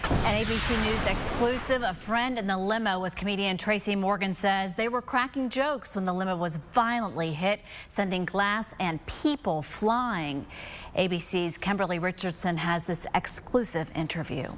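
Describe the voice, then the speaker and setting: A woman's voice: mid-range voice, moderate pace, a little hiss or hum. An American woman presenting scripted television news as a co-anchor. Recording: loud music under voice.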